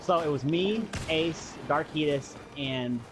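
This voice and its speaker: An American man from Muskegon, Michigan, casually tells a personal story, animatedly acting out the dialogue in slangy, sweary speech. His voice is a little high and he takes it slowly. Music plays behind him and the audio quality is poor.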